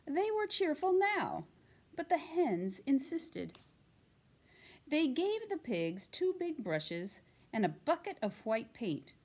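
A woman reading a children's picture book aloud in an expressive, animated way. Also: high-pitched, slow. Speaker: storytime reader.

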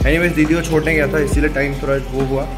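Over loud music, a young man with an Indian accent rattles off casual vlog chat to his handheld phone at arm's length, sprinkling in English words. He has a high-leaning voice with flat delivery and a rapid-fire pace, recording on the move in car, garage, home and gym.

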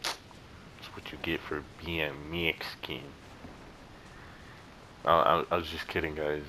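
Deep-voiced young male gamer, rambling. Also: level tone, takes it slowly, bright, forceful tone, slight background noise, poor audio. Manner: rambling, joking, yelps and laughs at the game. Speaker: gameplay YouTuber. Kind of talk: casual gameplay commentary.

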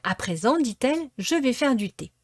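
A spoiled little girl brimming with glee and self-satisfaction, as a woman reading a storybook aloud puts her on. The voice sits clearly above the reader's own and is recorded close and dry, with no room sound. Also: high-pitched, lively intonation, moderate pace, dry recording, voice pushed up. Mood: pleased.

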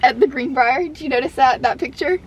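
A young woman with an Eastern North Carolina accent, chatting casually and giggling through quick asides in her vlog. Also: high-pitched, dull audio, slight background noise. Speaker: vlogger. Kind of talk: casual chat.

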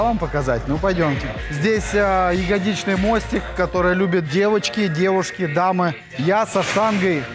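A man in his thirties giving an enthusiastic, chatty walking tour of a large indoor gym, with frequent hesitant fillers as he shows the equipment. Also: a little high. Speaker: fitness vlogger. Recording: music playing under the voice. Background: background music.

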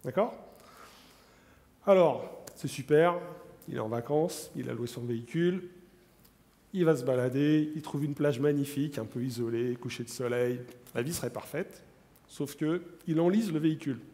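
A man's voice: medium pitch, moderate pace. A man in his forties giving a keynote product demo on stage, talking straight to the audience with many fillers. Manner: animated, addresses the audience directly, many fillers. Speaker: keynote presenter. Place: large conference hall on stage. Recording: long hall reverb.

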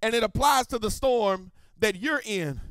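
A man preaching a sermon as pastor, stretching key phrases into a sung, drawn-out delivery. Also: high-pitched, a bit bright, dry recording.

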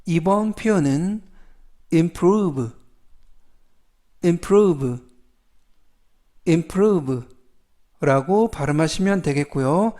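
A man's voice: a little high, darkish tone. A man teaching English vocabulary in a formal, polite way, repeating each word three times and explaining its meaning step by step. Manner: formal polite speech, stretches English words slowly. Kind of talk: slow, methodical vocabulary lesson.

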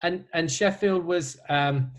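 A man's voice: a little high, slow. Middle-aged male host from Yorkshire, easygoing chatter full of fillers, headset-mic video call from home. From Yorkshire, England. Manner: chatty, frequent fillers and restarts. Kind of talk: casual video-call chat. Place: bedroom at home.

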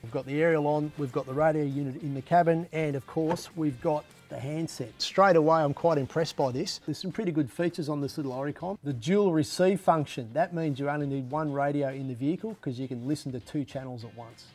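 In a garage shed and inside a parked vehicle, an Australian man in his fifties presents a DIY car how-to in a laid-back, matter-of-fact, colloquial way. His slightly high, darkish voice moves fairly quickly with hardly any pauses, and faint music plays behind him.

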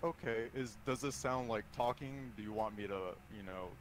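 A young man streaming on a headset, talking in a halting, measured way through a tense conversation. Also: mid-range voice. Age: young adult. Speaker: livestreamer. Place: small plain indoor room. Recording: faint background noise.

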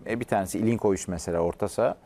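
Fast-talking man with a warm, dark tone. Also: fairly low pitch. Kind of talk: studio panel discussion.

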